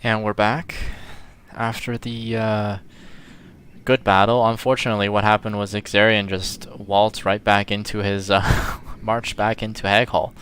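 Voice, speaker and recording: A man's voice: lowish voice, flat delivery, unhurried, fairly bright tone, a little hiss or hum. A man casually talking through a strategy game battle, hesitant and thinking aloud. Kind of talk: casual let's-play commentary.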